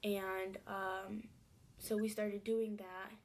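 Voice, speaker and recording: A woman recounts a personal story in a soft, hesitant voice that often sinks toward a whisper. Her pitch stays flat and level, with little rise or fall. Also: extremely slow.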